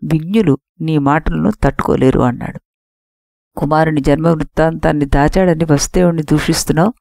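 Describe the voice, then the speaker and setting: A woman voicing an angry elder nobleman who scolds a tyrant king in a forceful manner, in an audiobook story. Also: low voice, steady tone, brisk, creaky, no echo, studio quality. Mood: scolding.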